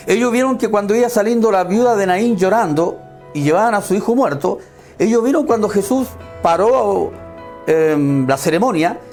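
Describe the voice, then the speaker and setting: A man preaching a sermon, fervent, with sweeping rises and falls in pitch and pace. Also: a little mellow.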